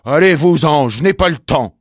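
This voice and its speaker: A man voicing a grumpy, greedy male bumblebee in a storybook reading, with a shrill, squealing voice. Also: lively intonation, normal speed, no echo, studio quality. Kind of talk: storybook character voice.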